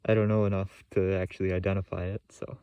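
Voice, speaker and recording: A man's voice: deep voice, little pitch movement, fast talker, dark tone, clear, resonant tone. A young man giving casual, laid-back vlog commentary in a plainspoken way as he looks for rocks. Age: young adult. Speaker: rock hunting vlogger. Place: outdoors in a yard and rock field, or inside a parked van. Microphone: phone at arm's length.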